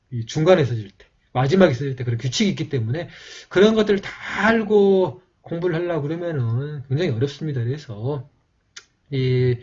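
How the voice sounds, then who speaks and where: A man gives a lesson on old scripts, pausing often and filling gaps with small words. His voice is dark and a little husky. The recording sounds dull and muffled. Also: mid-range voice. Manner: slow, halting explanation with many fillers. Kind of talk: lecture on a video channel.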